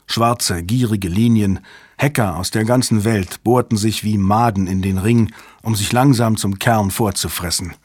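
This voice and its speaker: A man narrating a thriller audiobook in a steady, dramatic way. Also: on the low side, unhurried, husky, no echo. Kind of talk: audiobook reading.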